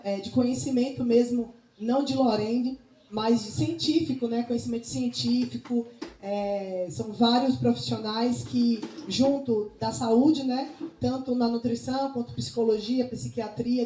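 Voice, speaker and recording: Speaking to a women's group indoors, this Bahian nutrition speaker and missionary from Salvador teaches in a casual, didactic style, frequently seeking agreement through tag questions. Her voice is mellow and pitched on the high side, and her public talk carries religious touches. Faint noise and echo fill the room.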